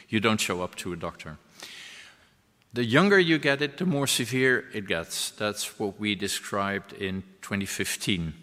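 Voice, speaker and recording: A male surgeon lectures in a large hall, his voice on the lower side yet bright and forceful. He explains earnestly, pausing and restarting his phrases. A long reverb trails after each line. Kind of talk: medical conference lecture.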